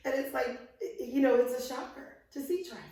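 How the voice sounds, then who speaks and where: Brief: woman, fifties, bright higher voice, laughs easily, heard far off in an echoey room. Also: a little fast, slight background noise. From Albany, Georgia, US. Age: 50s. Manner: warm, laughing often, enthusiastic. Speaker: interview guest, insurance adjuster. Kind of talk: casual interview. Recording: echoey room, distant from mic.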